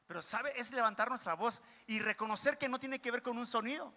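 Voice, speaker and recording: A man's voice: extremely high pitch, a little fast, bright, forceful tone. A man preaching a sermon as pastor, energetically calling on the congregation to repeat phrases after him. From Mexico. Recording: reverberant church hall with music.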